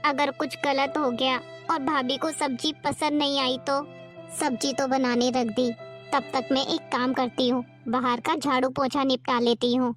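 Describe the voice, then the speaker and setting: A woman playing a meek, fearful young sister-in-law who answers softly and pleads. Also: high voice. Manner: timid, pleading, hesitant. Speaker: performer in a family skit. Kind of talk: amateur family drama acting.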